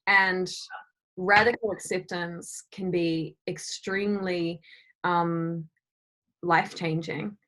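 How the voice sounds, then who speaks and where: A woman's voice: on the low side, steady tone, slow pace, fairly bright tone. A woman co-hosting a podcast, talking in a reflective, thoughtful way during a casual chat. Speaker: podcast co-host.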